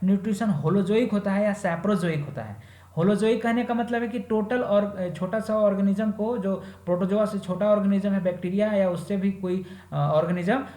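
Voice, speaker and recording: A man teaching a classroom biology lecture in a steady explaining manner, checking in often and slowing down to spell out long scientific names. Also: sits high, roomy sound. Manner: steady explanatory delivery, frequent "ठीक है" check-ins; slows to spell out Latin names syllable by syllable.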